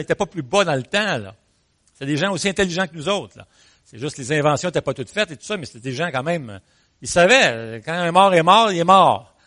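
A man with a Québécois French accent, preaching in a lively, storytelling way. His voice sits a little on the high side for a man, and he talks with lots of pauses and small asides. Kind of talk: sermon.

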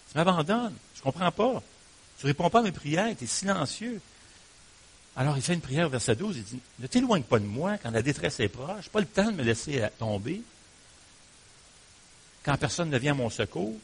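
A man with a Québécois accent preaching a sermon as pastor, talking to listeners conversationally and swinging between emphatic, loud lines and hushed, low ones. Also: breathy edge. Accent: Québécois French. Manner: conversational, with fillers and restarts, addressing listeners as "mon ami".

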